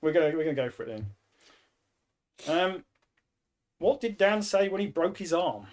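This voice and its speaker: A man's voice: on the high side, sing-song, moderate pace, darkish tone. A man co-hosting a casual podcast, teasing his co-host with mock-dramatic build-ups and free swearing. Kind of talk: casual banter.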